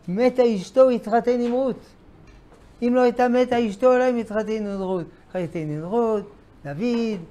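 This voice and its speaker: A man's voice: high-pitched, darkish tone, a little hiss or hum. An older man, a rabbi, giving an emphatic Torah lesson, repeating key phrases and asking rhetorical questions.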